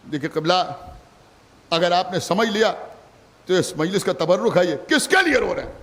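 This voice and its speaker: A man with a Lucknow Urdu accent delivering a Muharram sermon as a cleric, swinging between soft asides and loud declaiming. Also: sits high, lively intonation, moderate pace. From India. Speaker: Shia cleric. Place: large imambargah hall. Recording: long hall reverb from live majlis.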